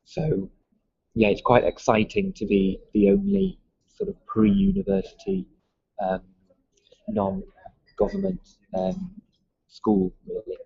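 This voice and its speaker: A man's voice: mid-range voice, sing-song, takes it slowly, gravelly, long pauses, mellow, breathy edge, no echo. A man from Liverpool with a mild Liverpool accent, a music school owner answering interview questions hesitantly, with many ums and restarts. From Liverpool, England. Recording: dull lo-fi sound.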